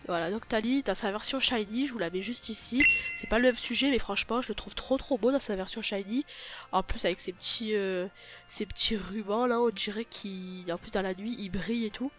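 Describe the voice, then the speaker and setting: A woman who is ill with a blocked nose hosts a YouTube gaming tutorial over soft background music, her medium-pitched voice fairly bright yet stuffy and nasal. Talking a little fast and casually, she hesitates, apologizes, and corrects herself often.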